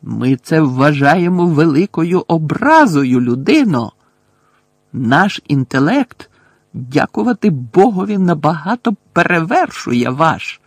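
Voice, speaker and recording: A man voicing a proud, hostile male centaur who speaks slowly, gruffly and menacingly, in an audiobook. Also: a little high, very animated, no echo, voice pushed up, exaggerated voice. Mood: gruff, offended.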